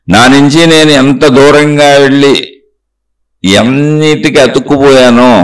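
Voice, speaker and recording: A male spiritual teacher with a voice pitched in the middle range delivers a discourse built on long, rhythmic strings of repeated phrases. He repeatedly addresses the listener with rhetorical questions, and the recording is rough.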